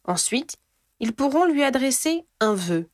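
A woman's voice: sits high, sing-song, a little slow, dry recording, studio quality, voice pushed up. A woman reading aloud voices a grand headmistress who makes a formal announcement in a chanting, stately way. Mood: solemn.

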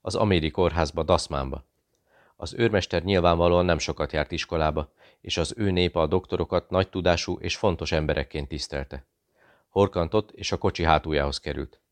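Brief: male narrator, very deep voice, dry close-miked read. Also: steady tone, no room sound. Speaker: audiobook narrator. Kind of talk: scripted audiobook narration.

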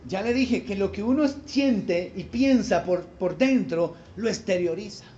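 A man's voice: high voice, a little slow, warm tone, a little hiss or hum. A man preaching a sermon as pastor, emphatic and quizzing the congregation with rhetorical questions. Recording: dull live church recording with faint ambience.

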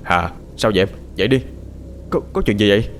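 A man's voice: lowish voice, lively intonation, a little fast, slight background noise, close to an everyday voice. A man voicing a worried middle-aged father and husband in a spoken story.

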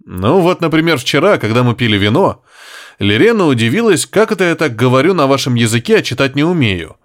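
A man's voice: medium pitch, very animated, a little fast, close to an everyday voice. A man doing a brusque, commanding inspector. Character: stubborn tense male police inspector.

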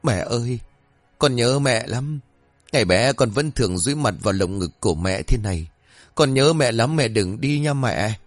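A man's voice: medium pitch, animated, normal speed, no room sound, soft background music, lightly acted. A man voicing a tearful, clingy older village man who whimpers as he speaks. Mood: sobbing.

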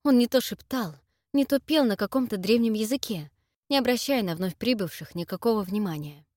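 A woman reading a fantasy audiobook in measured scripted narration. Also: fairly high pitch, lively intonation, darkish tone, no room sound, studio quality.

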